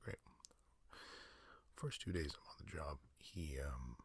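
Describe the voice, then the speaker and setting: A man mumbling a rambling personal story in ASMR style, in a breathy, husky whisper with gravelly fry. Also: very deep voice, takes it slowly, dry recording. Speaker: storyteller recounting personal experience.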